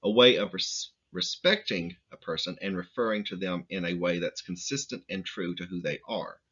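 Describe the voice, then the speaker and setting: A man giving a recorded lecture presentation, speaking in a halting way with many restarts and fillers. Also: sits low, fairly bright tone, slightly rough, highs cut off.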